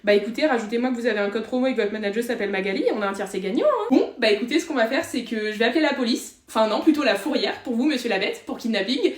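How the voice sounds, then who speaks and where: A woman playing a blunt, sarcastic female investigator who fires off loud, rapid questions. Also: a little high, animated, close to an everyday voice. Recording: echoey room.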